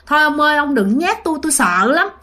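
A woman's voice: high-pitched, very animated, quick pace, pushed and bright, pitched above the performer's own voice, exaggerated voice. Woman playing a frightened pleading widow. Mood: fearful pleading. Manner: pleading, apologetic. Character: frightened poor widow begging her husband's ghost.

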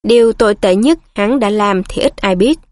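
A woman voicing a pompous, portly middle-aged male minister who talks in a gruff, overly familiar way in a storybook reading. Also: mid-range voice, moderate pace, dry recording, lightly acted.

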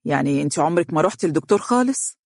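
A reader doing a gentle Egyptian doctor. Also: mid-range voice, expressive, gravelly, no room sound, studio quality. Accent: Egyptian Arabic. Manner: soft, reassuring, measured. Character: young male doctor, calm and gentle.

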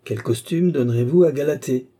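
A man voicing a jealous, gruff middle-aged baker in a storybook reading, blunt and suspicious. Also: mid-range voice, fairly quick, dark tone, pitched above the performer's own voice, natural voice.

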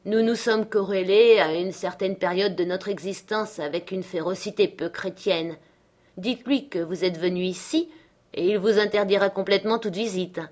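A woman's voice: mid-range voice, fairly even intonation, moderate pace, darkish tone, close to an everyday voice. A woman reading the part of a bitter, scornful middle-aged man, in a curt, sardonic manner, in an audiobook. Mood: confiding.

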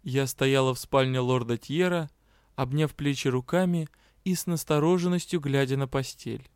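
A man reads a fantasy novel aloud in an even, clear manner. His voice sits in the middle range. The recording is dry and close, with no room sound. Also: mid-range voice, normal speed, no room sound. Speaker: audiobook narrator. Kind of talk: audiobook narration.

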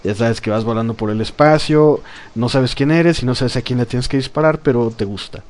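A man's voice: medium pitch, normal speed. Chatty man hosting a podcast. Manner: animated, laughs often, trails off with fillers. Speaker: podcast host. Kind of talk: casual gaming chat.

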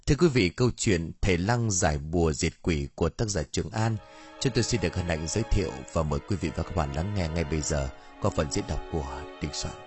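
A man reading a story aloud as narrator, in an expressive, dramatic audiobook style. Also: low voice, fast. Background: faint music.

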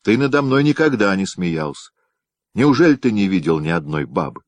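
A jealous, tearful young woman pleads and reproaches in an audiobook scene, as a man reads her. The voice is low but lifted above the narrator's own tone and sits in a dry, close space. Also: sing-song, moderate pace, no echo. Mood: reproachful. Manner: pleading, emotional. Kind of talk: audiobook character reading.

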